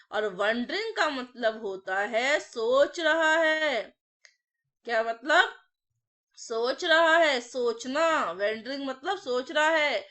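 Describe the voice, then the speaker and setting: A woman's voice: high-pitched, bright, forceful tone. A woman teaches an English vocabulary lesson. She drills words over and over in lists. She speaks to her students as if to children. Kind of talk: classroom vocabulary lesson with memory tricks.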